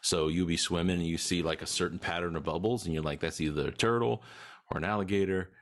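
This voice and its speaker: A man's voice: deep voice, fairly even intonation, fast talker. A man, chatting casually as a podcast guest in a laid-back, dryly humorous way. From Louisiana. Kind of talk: casual chat.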